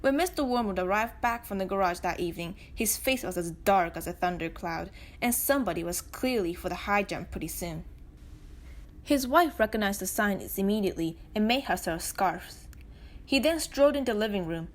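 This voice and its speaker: A woman volunteers as an audiobook reader, narrating a children's story aloud with plenty of expression. She has a mid-range voice and reads at a normal speed.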